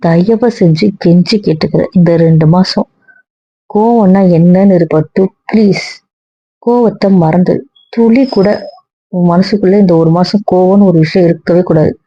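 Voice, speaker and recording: A woman acting as a young wife who gently soothes and coaxes her anxious husband, in an amateur serial drama. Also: lowish voice, normal speed, no echo, natural voice. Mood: soothing. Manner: soothing, coaxing. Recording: dull, dry lo-fi recording.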